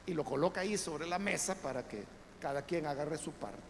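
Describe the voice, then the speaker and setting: High-voiced pastor preaching. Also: male voice, fairly quick, creaky. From El Salvador. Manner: conversational preaching, addresses listeners as brothers, frequent tag questions; builds to loud emphatic peaks. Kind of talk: Bible study sermon. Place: church. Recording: reverberant church hall, faint background noise.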